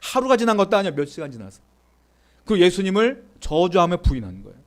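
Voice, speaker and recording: A man's voice: high-pitched, huge pitch swings, quick pace. A male pastor preaching a sermon in a conversational way, often asking the listeners questions and reading scripture aloud. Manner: reads scripture aloud with the congregation.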